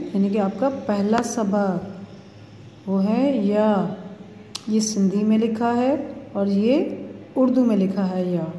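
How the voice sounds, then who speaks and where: A woman teaching young children a lesson, repeating each word slowly and checking that they follow. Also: medium pitch, warm tone, dull audio, a little hiss or hum. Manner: slow, repeating words for pupils to copy. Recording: echoey room.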